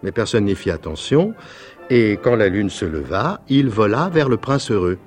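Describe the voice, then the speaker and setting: A male actor giving a measured, expressive storybook reading of a children's tale. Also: lowish voice, faint music behind.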